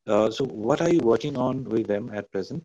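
A man with an Indian English accent, moderating an online panel and framing his questions with measured repetitions. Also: medium pitch, animated, mellow. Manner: measured, repeats words as he frames questions. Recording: muffled video-call audio.

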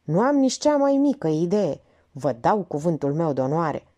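A woman's voice: lowish voice, sing-song, mellow. A woman reading the part of a worried, resigned middle-aged male architect in an audiobook. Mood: sincere. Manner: earnest, a little fatalistic.

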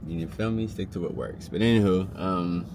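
A man's voice: low-pitched, moderate pace, a little mellow, slight background noise. A man in his thirties chatting casually to his vlog in a laid-back, slangy way, recorded on a handheld phone. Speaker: vlogger and father. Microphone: phone at arm's length.

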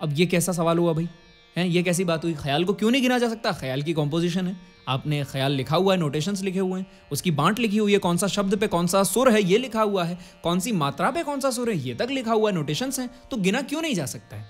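A man's voice: high-pitched, lively intonation, fast talker. A man teaching a classical music lesson, explaining patiently, asking rhetorical questions and breaking into short sung demonstrations. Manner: asks rhetorical questions to the student.

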